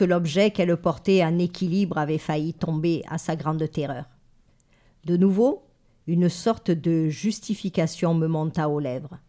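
A woman's voice: lowish voice, warm tone. A woman reading a novel aloud, taking turns with a male reader. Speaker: audiobook reader. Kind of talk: read-aloud literary narration.

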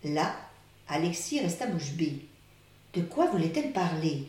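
A woman reading a story aloud in a theatrical way, moving between hushed and excited, recorded in an echoey room with the mic far off. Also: deep voice, measured pace.

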